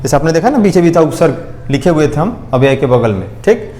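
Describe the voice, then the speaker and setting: A man's voice: on the high side, big pitch swings, a little fast, warm tone, roomy sound. A male teacher giving a lesson, often repeating points and asking questions to check understanding. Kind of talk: classroom lecture.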